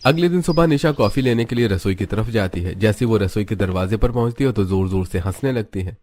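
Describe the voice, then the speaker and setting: A man reading scripted story narration, steady and even. His voice sits on the low side. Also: fairly quick, no echo.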